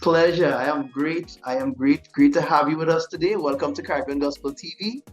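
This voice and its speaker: A man's voice: a little high, a little fast, soft background music. Upbeat male TV host. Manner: upbeat, chatty, laughing between questions. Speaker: TV show host. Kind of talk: interview hosting.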